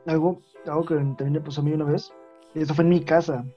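A young man rattles off an everyday story at a rapid clip. His voice is mellow and slightly high for a man, heard through dull, lo-fi audio with faint music behind. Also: level tone. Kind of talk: casual chat.

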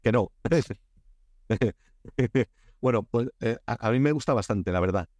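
A man's voice: medium pitch, slow, no room sound, studio quality. Chatty man from Spain telling stories. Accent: Spain Spanish. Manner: animated storyteller, many restarts and fillers. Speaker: guest, Korea expert. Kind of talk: casual podcast interview.

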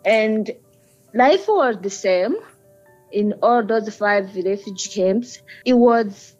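A woman's voice: medium pitch, animated, slow pace, darkish tone, dull audio, soft background music. A woman with a Burundian accent who learned English later in life, recounting her own experiences as an interview guest. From Burundi, grew up in Tanzania. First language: not English, learned it six years ago. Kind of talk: personal recollection in an interview.

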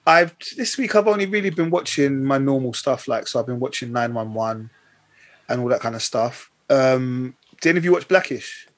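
A man's voice: mid-range voice, lively intonation, normal speed, no room sound. A man with a Leicester accent hosting a podcast in casual, slangy British street speech. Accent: Leicester, English. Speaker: podcast host. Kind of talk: casual chat.

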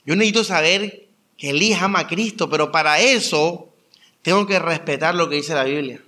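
Young pastor guy, chatty sermon, storytelling, kinda high bright voice. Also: normal speed. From Colombia. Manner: animated storytelling with rhetorical questions. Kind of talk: conversational sermon.

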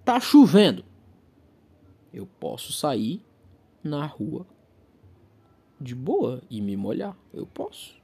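Husky young Brazilian man, lively swearing comic rant. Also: on the high side, drawn-out words, long pauses. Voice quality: profane, ranting.

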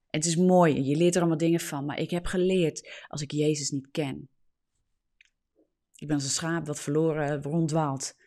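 A woman preacher giving a fervent, repetitive sermon that swings between loud declarations and hushed, slow passages. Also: lowish voice. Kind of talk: charismatic sermon, prophetic prayer. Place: livestream.

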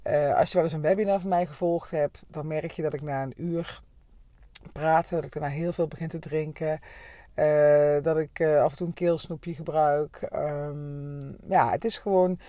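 Brief: middle-aged woman host, a little hoarse, chatty, filler-heavy delivery, dry sound from a parked car. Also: low voice, fairly even intonation, moderate pace, warm tone, no room sound. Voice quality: slightly hoarse. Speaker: podcast host. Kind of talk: casual solo podcast monologue.

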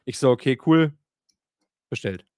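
A man's voice: medium pitch, a little slow, dry recording. A man telling a story in casual chat, ranting animatedly, acting out quotes and swearing casually. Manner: animated, rants and acts out quotes; swears casually, many fillers.

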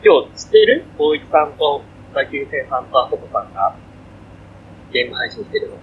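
Rambling young man, lively pitch. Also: a little fast, slight background noise, poor audio. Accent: Kansai. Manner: rambling, self-deprecating, slips into Kansai dialect. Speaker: podcast co-host. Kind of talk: casual chat on a livestream.

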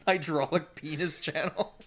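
A man's voice: on the high side, fairly bright tone, slightly rough. A man streaming and joking crudely with friends, laughing often, talking close into his microphone. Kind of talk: casual stream banter with friends.

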